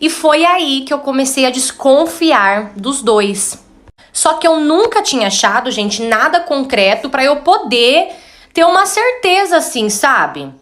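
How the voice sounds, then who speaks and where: Woman in calm, even read narration. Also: high voice, measured pace. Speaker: story narrator.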